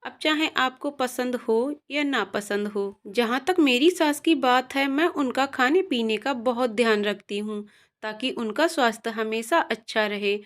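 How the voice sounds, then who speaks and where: A woman voicing a caring grown daughter, calm and firm in her replies. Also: on the high side, measured pace.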